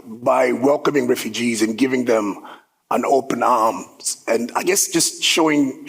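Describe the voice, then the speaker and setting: Husky upbeat man telling his story. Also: medium pitch, poor audio. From South Sudan. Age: 30s. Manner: upbeat, conversational, with filler words. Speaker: guest speaker. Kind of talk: personal story talk. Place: event hall.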